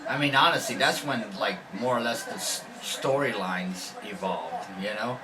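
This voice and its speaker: A man's voice: mid-range voice, moderate pace, crowd noise, rough recording. A man co-hosting a casual wrestling reaction chat, laughing often and restarting his sentences. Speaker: co-host of a wrestling reaction show.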